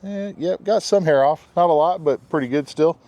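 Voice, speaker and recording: The voice is on the high side and dark-toned, captured with lo-fi sound: a middle-aged man with a head cold casually demoing a knife in his backyard. He moves at a moderate pace, cracking jokes and saying "guys" and "bam" repeatedly.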